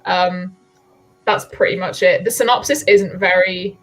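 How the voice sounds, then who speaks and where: A woman's voice: fairly low pitch, fairly even intonation, a little slow, fairly bright tone, rough recording. A woman chatting informally and candidly about books. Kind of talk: casual, sweary book chat.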